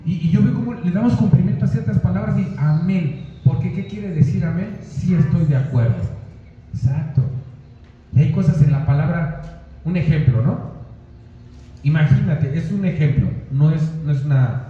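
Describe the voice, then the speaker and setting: A man's voice: fairly high pitch, moderate pace. A man preaching a sermon as a pastor, talking straight to his listeners. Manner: conversational preaching, addressing listeners directly. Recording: echoey hall, dull lo-fi sound.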